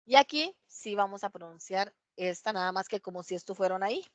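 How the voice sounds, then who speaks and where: A woman's voice: mid-range voice, expressive, no room sound. A woman teacher explaining English past tense rules in a patient way, checking in often with her students. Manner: drills English words slowly, one by one. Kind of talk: online class explanation.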